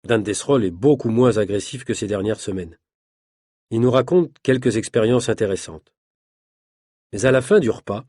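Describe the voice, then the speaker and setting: A man narrating a story for language learners in a measured, clearly articulated reading. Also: mid-range voice, dark tone, no echo, clean studio sound. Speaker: audiobook narrator.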